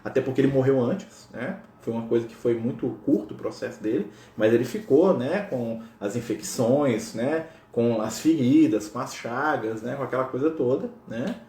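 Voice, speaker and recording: A man's voice: mid-range voice, moderate pace, few pauses, mellow. A Brazilian man telling a religious story in a casual, chatty way, peppering it with tag questions. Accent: Brazilian Portuguese. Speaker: spiritual speaker. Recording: roomy echo.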